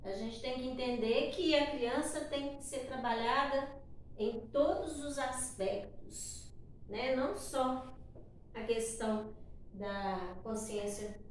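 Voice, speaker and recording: A woman's voice: fairly high pitch, slow. A woman teacher with a Brazilian Portuguese accent patiently explaining a classroom activity, often ending phrases with tag questions. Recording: echoey room, distant mic, faint noise.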